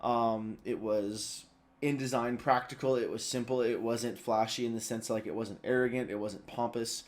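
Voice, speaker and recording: A man's voice: medium pitch, steady tone, normal speed. A tired man hosting a video, giving casual, rambling commentary full of fillers and restarts. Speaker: video host.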